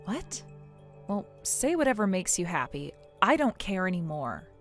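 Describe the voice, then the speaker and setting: A woman's voice: on the low side, big pitch swings, a little slow, soft background music. A woman playing a weary, sarcastic younger sister in a scripted audio story, speaking in a dry, curt, guarded way.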